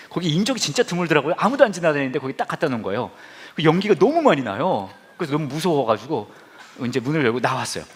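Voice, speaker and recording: Male pastor, 40s; expressive sermon storyteller, bouncy lively intonation. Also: high voice. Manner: animated, acts out his own reactions and prayers.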